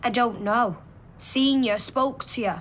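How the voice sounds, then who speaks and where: A woman's voice: a little high, a little slow, slight background noise, lightly acted. An actress playing a suspicious, persistent young woman in a TV soap, probing and accusing. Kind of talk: television soap drama.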